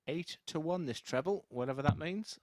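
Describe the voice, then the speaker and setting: Bloke commentating on darts, casual and jokey, voice a bit on the high side, no room echo. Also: male voice, normal speed. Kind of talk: casual live sports commentary with banter.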